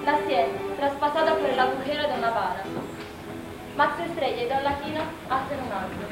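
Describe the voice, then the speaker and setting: A high-pitched woman delivers scripted narration for a stage drama. Loud music plays behind her and the sound is echoey. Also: moderate pace.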